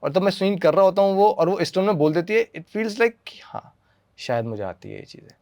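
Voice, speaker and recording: Young male actor, podcast guest, animated storyteller, dry close sound. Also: sits high, brisk, no room sound. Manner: animated storyteller who acts out scenes. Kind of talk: casual interview talk, mixing Hindi and English.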